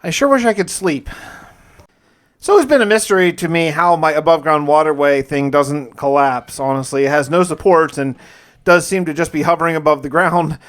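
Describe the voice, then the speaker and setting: Fairly quick and fairly bright, a man's higher-pitched voice carries a first-person roleplay of a survival game. He sounds casual and confiding, as though writing a personal log, with the occasional mild exclamation.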